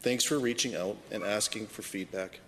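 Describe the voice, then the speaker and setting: A man, a member of the legislature, giving a halting floor speech full of restarts and fillers in the chamber. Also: on the low side, a bit bright. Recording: long hall reverb with faint noise.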